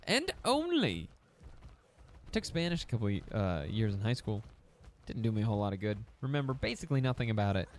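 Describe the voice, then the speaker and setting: This native English-speaking gamer talks fairly quickly in a lowish, sing-song voice over slight background noise. He's a young YouTuber doing a relaxed let's-play of a survival game, chatting away to his pets in the game and to viewers.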